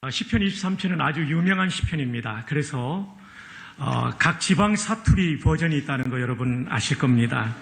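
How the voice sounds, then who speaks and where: Pastor guy from chungcheong, friendly explaining, bright voice. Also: mid-range voice, animated, moderate pace, vocal fry. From Chungcheong, Korea. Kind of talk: sermon introduction.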